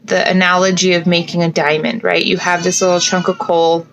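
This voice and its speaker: A woman's voice: fairly low pitch, flat delivery, a little fast, fairly bright tone, lo-fi sound, a little hiss or hum. A woman, around her thirties, reflecting casually on scripture as a host, thinking aloud and correcting herself, her speech slightly thick from a swollen lip. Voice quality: slightly slurred, fat-lipped speech from a swollen mouth. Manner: informal, thinking aloud with frequent self-corrections. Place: bedroom at home.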